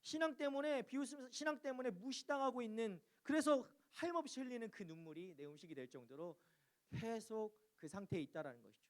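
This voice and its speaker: A man preaches in a church with a fairly high voice. He presses his listeners with questions and voices heartfelt cries to God. The delivery is emphatic and earnest. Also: expressive, fairly quick. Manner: emphatic, questioning the congregation, acting out anguished cries. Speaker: pastor. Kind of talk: sermon.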